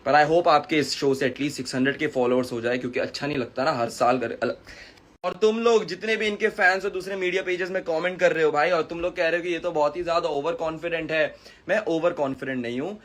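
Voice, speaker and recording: High-voiced young man ranting combatively. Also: quick pace, a bit bright. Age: 20s. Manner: combative, boastful, crude; mixes in English phrases. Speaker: content creator. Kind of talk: live stream rant.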